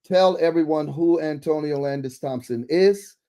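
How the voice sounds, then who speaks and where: A man's voice: fairly high pitch, moderate pace, dark tone. A man hosting a church talk show, introducing and interviewing a guest in a preacherly way, often saying amen.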